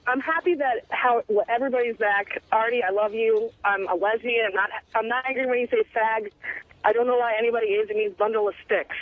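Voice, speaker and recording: A woman's voice: fairly high pitch, fairly quick, no room sound. A woman calling in to a radio talk show, complaining and rambling with fillers. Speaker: caller. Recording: tinny phone line, dry.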